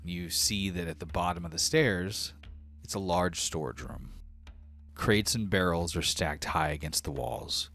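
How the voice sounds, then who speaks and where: A man's voice: sits low, unhurried, fairly bright tone. A man narrating a tabletop game as game master in a casual, descriptive style.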